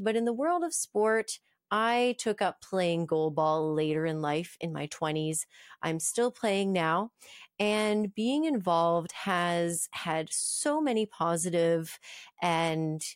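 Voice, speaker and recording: A woman's voice: fairly low pitch, no echo, studio quality. A woman in her thirties hosting a podcast, chatting in an upbeat, friendly way. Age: 30s. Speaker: podcast host. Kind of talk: casual chat.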